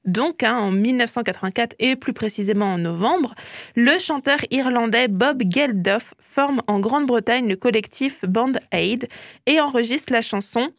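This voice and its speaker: A woman's voice: on the high side, normal speed, no room sound, studio quality. A woman hosting a radio show, chatting playfully about pop culture and often adding "hein".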